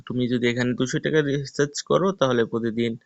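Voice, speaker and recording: A man's voice: mid-range voice, fairly even intonation, fast, creaky. A man, casually talking viewers step by step through a tutorial on his channel. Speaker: YouTuber. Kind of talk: screen-recorded tutorial walkthrough. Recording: dull lo-fi voice recording.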